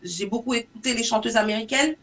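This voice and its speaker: She's a singer from Saint-Martin in the Caribbean and a native English speaker, talking quickly in a high-leaning, bit bright voice during a casual interview. She feels her way through broken phrases in a noisy recording with clicks.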